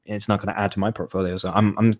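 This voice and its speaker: A man's voice: fairly low pitch, little pitch movement, rapid-fire, darkish tone. A young man chatting casually on a podcast, rambling and laughing at himself. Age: young adult. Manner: chatty, self-deprecating, laughs often. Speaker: podcast co-host. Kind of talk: casual chat.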